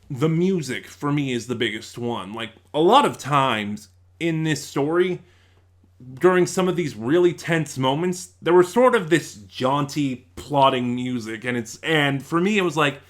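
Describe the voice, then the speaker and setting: A man with a fairly bright, higher-pitched voice reviews audio dramas on YouTube in a casual, unscripted way, thinking aloud and correcting himself as he rambles.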